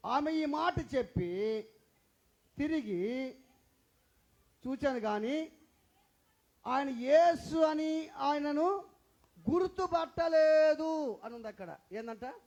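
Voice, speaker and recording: High-voiced man preaching with emphasis. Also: a little mellow, rough recording. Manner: emphatic preaching, repeats phrases, questions the congregation. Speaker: pastor. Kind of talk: Easter sermon. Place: church.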